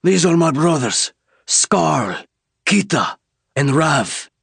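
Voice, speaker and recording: A man's voice: on the high side, very animated, takes it slowly, vocal fry, fairly bright tone, breathy edge, no room sound, studio quality, voice pushed up, exaggerated voice. A man voicing a hulking alien warrior leader who speaks in grave, clipped, accented English. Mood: commanding. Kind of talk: audiobook character voice.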